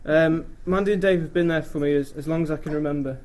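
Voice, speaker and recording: A man's voice: a little high, steady tone, darkish tone. A young man giving an informal, hesitant thank-you speech as the groom at a wedding. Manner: hesitant, halting delivery.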